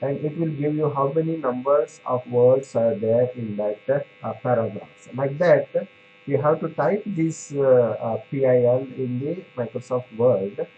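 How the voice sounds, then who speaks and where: A male pharmacy lecturer talks students through the material slowly, pausing on fillers and restarting his sentences. He keeps checking in with a quick "right?" as he explains. The recording is dull and lo-fi, with a faint electrical hum underneath. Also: mid-range voice. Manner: halting, many fillers and restarts. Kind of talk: classroom lecture.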